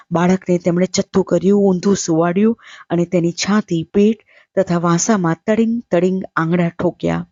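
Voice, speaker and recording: A woman storyteller reading a literary short story aloud in a measured, steady way. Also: lowish voice, no room sound, highs cut off.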